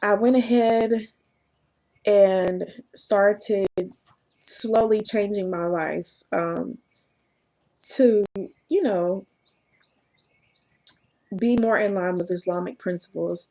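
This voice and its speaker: Slow, earnest woman. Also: medium pitch, mellow. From Southern United States. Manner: earnest, halting, often laughs at herself. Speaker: vlogger. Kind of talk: personal testimony to camera.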